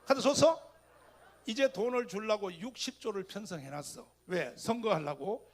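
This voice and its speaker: A man giving a fiery rally speech, firing rhetorical questions at the crowd, with sudden loud bursts and religious exclamations. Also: sits high, animated, normal speed. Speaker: speaker addressing a political rally.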